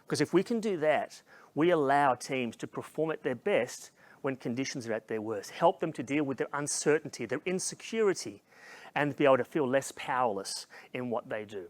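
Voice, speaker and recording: A middle-aged man giving a motivational keynote talk, telling a story with passion and dropping to a hushed voice in its emotional moments. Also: mid-range voice, expressive, a little fast, dry recording. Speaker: keynote speaker.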